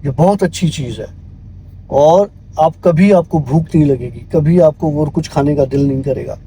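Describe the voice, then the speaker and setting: An eerily calm possessed little boy, put on by a man telling a horror story, coaxing in a low-key, matter-of-fact way. The tone is dark and mellow and sits a little high. Faint background noise hums behind him. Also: natural voice, rough recording.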